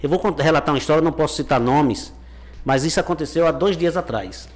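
A man, a mayor telling stories in a relaxed interview, with casual slang. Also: fairly high pitch, quick pace. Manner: chatty storyteller, casual slang. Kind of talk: conversational interview answers.

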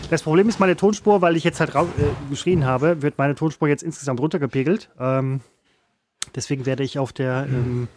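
A man's voice: on the high side, moderate pace, darkish tone, a little hiss or hum. A man co-hosting a podcast, bantering casually and protesting in jest. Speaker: podcast co-host. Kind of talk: casual banter over a remote call.

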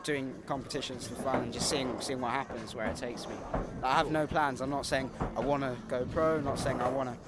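A man's voice: medium pitch, steady tone, a little fast, hardly any pauses. A sixteen-year-old male skateboarder being interviewed, speaking in a laid-back way full of casual filler words. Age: teen, 16. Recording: loud ambient noise at an outdoor event.

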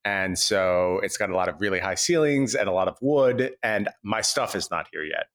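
A man chatting as a podcast co-host, recorded on an old microphone in a large high-ceilinged wooden kitchen that makes him sound echoey. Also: lively intonation, moderate pace, a bit bright. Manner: chatty, playful complaining. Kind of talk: casual podcast chat.

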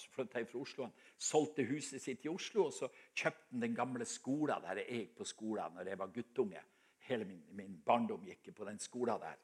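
A man's voice: mid-range voice, husky. An older man from Norway's Helgeland coast with a Northern Norwegian accent, preaching a heartfelt sermon and telling stories with frequent restarts.

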